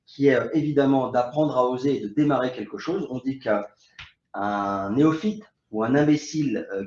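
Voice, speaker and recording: A man's voice: medium pitch, a little mellow. Man hosting a webinar in an echoey room. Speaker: webinar host. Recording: roomy, dull lo-fi sound.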